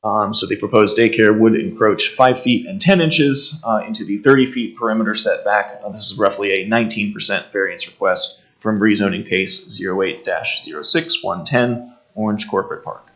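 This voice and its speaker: A man's voice: fairly low pitch, moderate pace, a bit bright, poor audio. An American man formally presenting a staff report, methodically reading out details with frequent hesitations. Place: indoor township meeting room.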